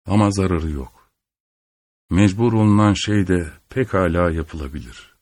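A man's voice: low voice, unhurried, a little mellow. A man reading aloud and voicing a dying middle-aged man who is bitter and frightened, speaking in abrupt, anguished outbursts. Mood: resigned.

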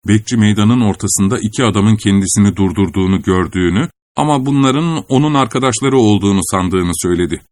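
A man narrates a literary story in a measured, even audiobook delivery. His voice sits fairly low. The recording is dry and close, with no echo.

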